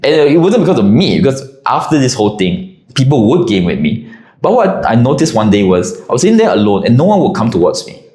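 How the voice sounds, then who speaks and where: Man, storyteller, animated, lively pitch, casual anecdote, echoey room. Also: brisk. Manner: animated, expressive delivery.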